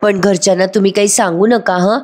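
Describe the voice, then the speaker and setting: A woman's voice: mid-range voice, fairly even intonation, fairly quick, a little mellow, lightly acted. A woman voicing a worried young woman from a TV serial, retelling her lines in a slightly raised, pleading voice. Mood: anxious. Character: anxious young woman, worried about family.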